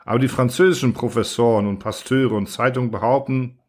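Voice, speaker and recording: A man's voice: medium pitch, steady tone, fairly quick, darkish tone, close to an everyday voice. A man reading the lines of a thoughtful young soldier who asks probing, earnest questions.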